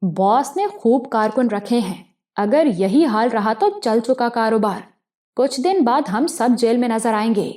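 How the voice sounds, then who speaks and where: A sneering male gangster who drawls out taunts and threats, read by a woman narrator. The delivery is slow and sarcastic, with a warm, rather high voice. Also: animated, natural voice.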